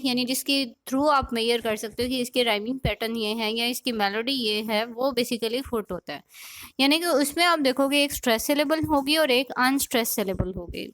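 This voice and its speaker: High-voiced woman teaching a poetry lesson. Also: a bit bright. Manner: explains slowly, repeats points, checks with "theek hai?". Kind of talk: explanatory lesson.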